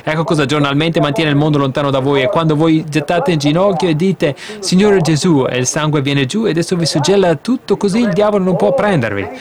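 A man preaching to a congregation with children, shouting in an old-fashioned style and leading call and response. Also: a little high, fast, hardly any pauses, crowd noise.

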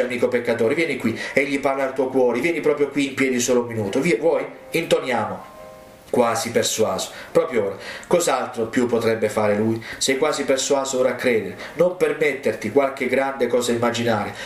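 A man's voice: mid-range voice, roomy sound. A man preaching a revival altar call, urging listeners with pleading exhortations.

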